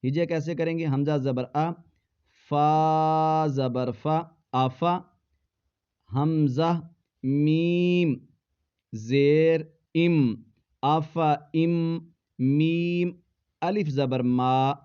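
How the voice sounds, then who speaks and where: A man teaching Quran recitation in a fairly high, smooth and resonant voice. He spells each word out letter by letter, then chants it slowly and draws it out. The sound is dull and lo-fi. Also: fairly even intonation, mellow. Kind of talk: slow spelled-out recitation lesson.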